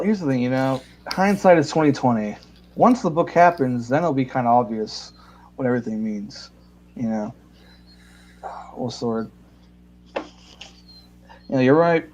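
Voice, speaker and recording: A man's voice: mid-range voice, darkish tone, a little hiss or hum. A man in his twenties in a casual chat, speaking thoughtfully and hesitantly. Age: 20s. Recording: dull lo-fi audio.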